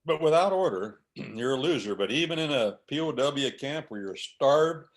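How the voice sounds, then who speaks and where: Lively, emphatic male talk host. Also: mid-range voice, moderate pace. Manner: emphatic, preacher-like repetition of points. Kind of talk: conversational talk on faith and order.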